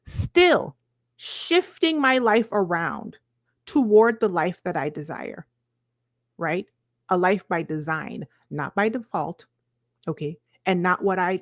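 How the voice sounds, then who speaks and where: A woman in her forties with a Virgin Islands accent speaks in a fairly low, fairly bright voice, recorded dry with clean studio sound. Working as a self-help coach, she gives viewers an emphatic, conversational motivational talk, often checking in with short questions.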